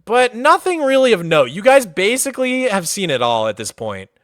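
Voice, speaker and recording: His voice is high-pitched and his pace moderate, captured in a dry recording with clean studio sound. A Massachusetts, USA man, he chats loosely on a casual livestream while touring a game world, easygoing and heavy on "like" fillers.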